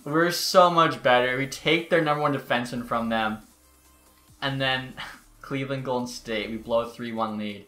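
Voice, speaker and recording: A man's voice: mid-range voice, moderate pace, bright, forceful tone, faint music behind. A man giving casual gameplay commentary as a YouTuber, chatty with exasperated outbursts. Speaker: gaming YouTuber. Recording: roomy echo.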